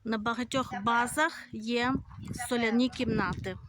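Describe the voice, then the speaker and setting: A woman's voice: fairly high pitch, fairly even intonation, unhurried, background noise. A woman from Ukraine chatting casually as she walks outdoors through resort streets, filming on a handheld phone. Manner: chatty, conversational, with fillers. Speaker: vlogger. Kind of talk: casual walking tour vlog.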